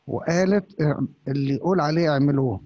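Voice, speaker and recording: A man with an Upper Egyptian Arabic accent preaches a sermon as a priest, pressing his listeners with one rhetorical question after another. His voice sits a little high and sounds husky and breathy. The recording is dull and lo-fi, with a dry, close sound. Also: fast, dark tone, no echo.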